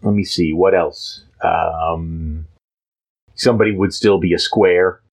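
Low-voiced and unhurried, a man co-hosting a podcast reads a comic aloud and describes it in a casual chat, playful and animated as he leaps into different voices. The audio is poor.

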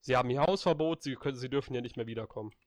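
A calm, firm male cashier who speaks steadily and keeps his tone soothing, as a man quotes him in a story. The voice is the teller's own at a middle pitch. It is recorded dry and close. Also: racing, no echo, close to an everyday voice.

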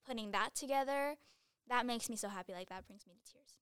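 A woman's voice: a little high, fairly quick, a bit bright, clean tone, dry recording, studio quality. A young woman in her late teens, chatting as a guest in a casual interview, giggly and full of fillers.

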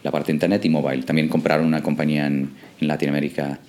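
A man's voice: extremely low pitch, level tone, racing, darkish tone. A man from England, a startup co-founder, answering interview questions in a hesitant way with many fillers and restarts.

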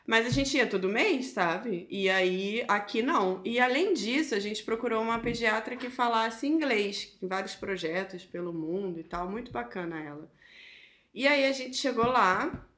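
A Brazilian woman in casual conversation, her voice sitting a little high. She tells her story with energy and keeps slipping into the voices of the people in it. The room around her is echoey. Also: moderate pace. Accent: Brazilian Portuguese. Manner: animated storyteller acting out quoted voices, laughing often.

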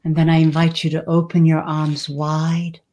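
A woman leading a guided meditation with slow, soothing, drawn-out phrasing. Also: deep voice, monotone, lo-fi sound. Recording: loud background noise and rattle.

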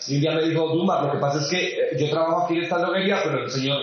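A man delivers an animated sermon as pastor, his voice pitched high and often climbing into shouts. The recording is distant and dull, full of reverb from a large room, with a faint hum of ambience behind him. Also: rapid-fire. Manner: animated preaching, rising to shouts.

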